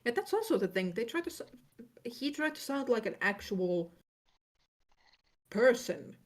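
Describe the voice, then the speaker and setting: A woman's voice: on the high side, very animated, measured pace. A woman co-hosting a podcast, in casual chat, joking in a playful, laid-back way. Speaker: podcast co-host.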